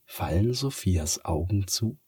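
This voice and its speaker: Man reading a bedtime story, slow and husky, low-ish voice, dry close sound. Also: animated, warm tone, no echo. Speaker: narrator.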